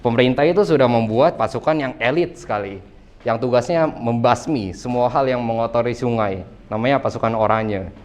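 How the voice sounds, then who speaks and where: A young man performing stand-up comedy in a classroom with a relaxed, wry delivery. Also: medium pitch, fairly quick. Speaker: student comedian.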